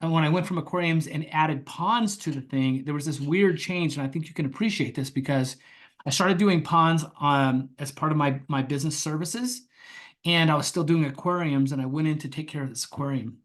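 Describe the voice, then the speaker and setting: A man tells a story in a casual podcast interview, swearing freely and acting out the people he quotes. His telling is lively and loose, with plenty of asides. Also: on the high side, brisk. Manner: animated storyteller who acts out quoted voices, swears freely. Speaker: guest, pond construction company founder.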